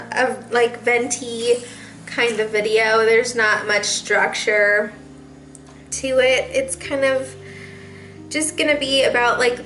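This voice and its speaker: Chatty young mom venting, bright voice. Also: female voice, on the high side, rough recording. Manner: chatty, rambling, laughs often, many fillers. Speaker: mom vlogger. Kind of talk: casual venting to camera.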